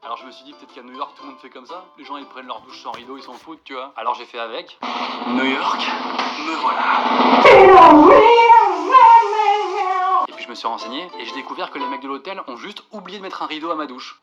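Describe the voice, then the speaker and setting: A man's voice: mid-range voice, fast talker, muffled recording, music in the background. A young man delivering a scripted comic monologue in a wry, self-mocking manner. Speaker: comedian.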